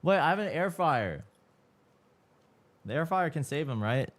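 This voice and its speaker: A man's voice: fairly high pitch, lively intonation, a little slow. A man in his mid twenties, chatting casually as a livestream host, slangy and swearing freely, sounding tired. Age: 20s. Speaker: streamer.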